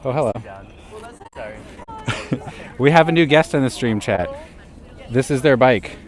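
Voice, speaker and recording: A man's voice: medium pitch, animated, unhurried. A man live-streaming outdoors in a city park on a wireless mic that keeps cutting out, so his volume jumps up and down while he chats with his viewers. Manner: chatty, talks straight to his viewers. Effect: audio cutting out, uneven volume. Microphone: wireless clip mic.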